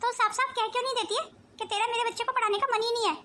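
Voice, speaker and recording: A woman playing a loud, scolding elder sister-in-law with a domineering temper in a family melodrama. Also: very high-pitched, steady tone, racing, slight background noise.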